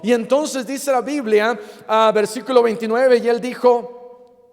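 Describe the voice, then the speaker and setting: A man pastor preaches from the pulpit with a high voice and an unhurried pace. He teases his congregation with playful question-and-answer lists, stumbling over fillers. His voice rings with the long reverb of a church sanctuary. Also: fairly even intonation. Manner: frequent fillers and restarts. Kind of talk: sermon.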